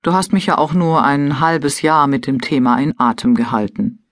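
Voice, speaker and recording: A woman's voice: deep voice, steady tone, normal speed, dry recording, lightly acted. A woman voicing a middle-aged husband with a dry, matter-of-fact manner, reading an audiobook.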